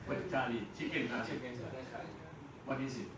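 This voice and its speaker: A man with a Burmese accent teaching an English class, speaking slowly, repeating words and chuckling often. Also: mid-range voice, steady tone. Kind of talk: classroom lecture. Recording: echoey classroom, mic far off, noisy.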